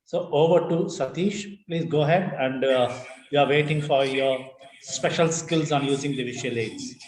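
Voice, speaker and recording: A man's voice: medium pitch, moderate pace, echoey room, rough recording. A man hosting a club meeting over a video call, introducing the next speaker formally. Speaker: meeting host.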